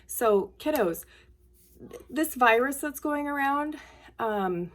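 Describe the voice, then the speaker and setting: Her voice sits high and animated, and she speaks slowly to a group of children in the style of a school nurse at story time. The woman keeps her language simple and plain, chatting casually and reading stories aloud.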